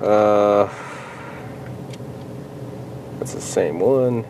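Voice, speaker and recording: Low-voiced man in casual podcast banter. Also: slow, a little mellow, a little hiss or hum, low-quality recording. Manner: laughs often, reads headlines aloud loosely. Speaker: podcast co-host. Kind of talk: casual chat.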